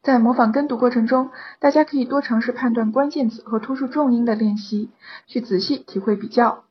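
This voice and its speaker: A woman's voice: on the high side, brisk, breathy edge, lo-fi sound. A woman teacher giving a methodical video lesson, explaining terms step by step. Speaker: online exam-prep teacher.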